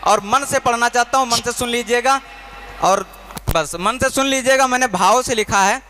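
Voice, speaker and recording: A man's voice: very high voice, moderate pace, pushed and bright, slight background noise. A man declaiming fiery patriotic poetry from a college stage, repeating his lines for emphasis. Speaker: poet. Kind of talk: live poetry recitation.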